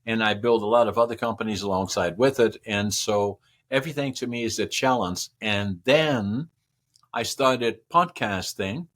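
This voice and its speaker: Lowish and a little bright, this voice belongs to an octogenarian from the northern Netherlands whose first language is Dutch. Guesting on a podcast at a moderate pace, he wanders through long casual answers, repeating words and listing things.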